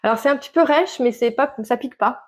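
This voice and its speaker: Woman, casual vlog chat, slightly high voice, halting with fillers. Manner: hesitant, many fillers and restarts. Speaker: knitting vlogger. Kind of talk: casual show-and-tell chat to camera.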